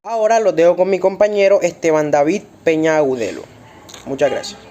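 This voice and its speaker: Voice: medium pitch, a little fast, warm tone. Student reading out a class presentation.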